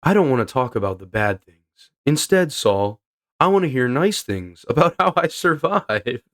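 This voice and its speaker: A man voicing a calm, quietly sad young woman by raising his pitch and softening his voice. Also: moderate pace. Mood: wistful.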